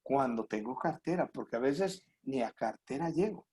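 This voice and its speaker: A man's voice: medium pitch, normal speed. A middle-aged man with a Mexican Spanish accent preaching a sermon, full of rhetorical questions and acted-out voices. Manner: animated, acts out quoted voices with rhetorical questions. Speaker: pastor.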